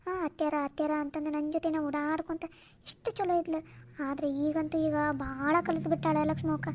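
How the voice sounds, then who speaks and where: A fretful older village mother-in-law, voiced by a woman with a North Karnataka Kannada accent, pouring out her worries in a plaintive way. Her voice sits high and thin. She sounds like a cartoon grandmother. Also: level tone, normal speed, close to an everyday voice. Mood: worried. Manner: complaining, plaintive. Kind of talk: cartoon voice acting.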